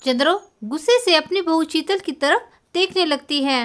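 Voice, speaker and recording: High, bright woman telling a story. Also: normal speed. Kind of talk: scripted storybook narration.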